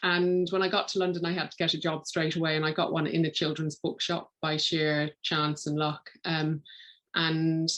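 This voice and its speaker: A woman's voice: deep voice, flat delivery, moderate pace, a bit bright. A middle-aged woman, answering interview questions as a guest and telling her career story. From Galway, west of Ireland. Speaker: literary agent, podcast guest.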